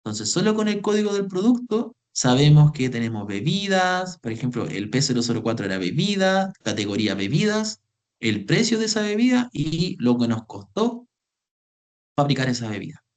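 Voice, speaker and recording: With a slightly high voice that swings widely in pitch, a young instructor teaches an online spreadsheet class at normal speed. He is patient, says things more than once, and addresses the students as "chiquillos."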